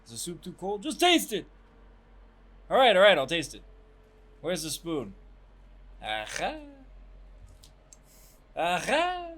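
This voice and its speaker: A man putting on the voice of a fussy old man nagging someone to taste the soup, in a high squawky tone. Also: wildly swooping pitch, slow, pauses often, a bit bright, a little hiss or hum, full character voice. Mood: insistent.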